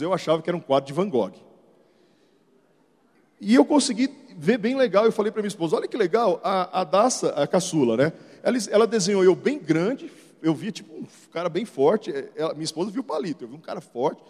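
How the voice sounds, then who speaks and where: A man's voice: a little high, husky. A middle-aged male pastor preaching a sermon, telling stories and acting out other people's voices. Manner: animated storytelling, acts out voices of others. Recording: long hall reverb.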